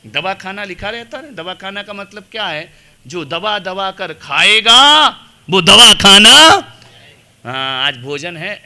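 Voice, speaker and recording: Bright-voiced monk giving a sermon. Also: male voice, on the high side. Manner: storytelling with humor and rhetorical questions. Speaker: Jain monk preacher.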